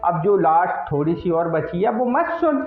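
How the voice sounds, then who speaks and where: A man's voice: high-pitched, very animated, normal speed. A man storyteller voicing a king in a folk tale who warns and gives in with resignation, over a tinny, echoey line. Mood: resigned. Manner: warning, resigned. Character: wise old-style king, reluctant and resigned. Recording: tinny phone-like line, roomy echo, faint music.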